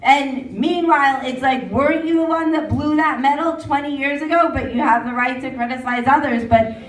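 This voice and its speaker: A woman doing a stand-up comedy set at an open mic in a pub, animated and mocking as she talks. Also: high voice, moderate pace. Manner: animated, mocking voices of others. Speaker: stand-up comic. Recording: roomy pub sound from far off.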